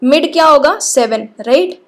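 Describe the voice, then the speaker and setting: A woman teaching programming, talking through code step by step and often pausing to check in with her students. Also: sits high, animated, a bit bright. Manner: explains patiently, often checks in with "ठीक है".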